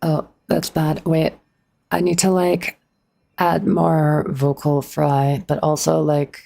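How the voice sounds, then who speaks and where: A woman's voice: low voice, level tone, slow pace, gravelly, warm tone. A woman streamer chatting casually with her viewers as she plays, a little awkward, answering chat on a streaming microphone.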